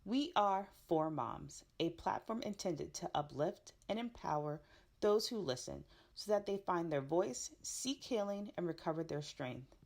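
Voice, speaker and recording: A woman reading a scripted podcast introduction in a measured way. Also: fairly low pitch, lively intonation, gravelly, darkish tone. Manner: measured, read-out. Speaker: podcast co-host.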